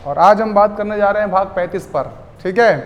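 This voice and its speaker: High-voiced man lecturing in a hall. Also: a little fast. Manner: lively, asks the class questions and answers them himself. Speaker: teacher. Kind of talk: classroom lecture. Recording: long hall reverb.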